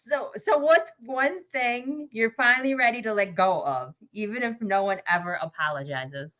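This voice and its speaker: A woman's voice: on the high side, animated, moderate pace, a bit bright. A woman hosting a podcast, asking questions in a casual group conversation with an informal, encouraging manner. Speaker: podcast host.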